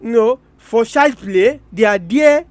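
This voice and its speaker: This radio programme host has a Nigerian Yoruba accent and an extremely high, expressive voice with a darkish tone, delivered unhurriedly with no echo. On a live educational broadcast he switches between English and Yoruba, speaking emphatically to his audience and going over his points again and again.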